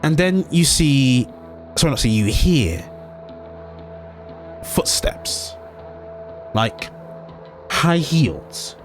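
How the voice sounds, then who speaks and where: A man runs a tabletop game as game master, narrating casually in an everyday middle-pitched voice. He hesitates often with ums and corrects himself mid-sentence, dropping casual swears along the way. Faint music plays softly behind him. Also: big pitch swings, drawn-out words, pauses often.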